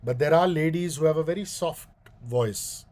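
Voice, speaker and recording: Leading a public speaking workshop as a guest speaker, this man has a booming, darkish voice and an Indian English accent. He delivers slowly and with deliberation, pausing at length and giving demonstrations again and again.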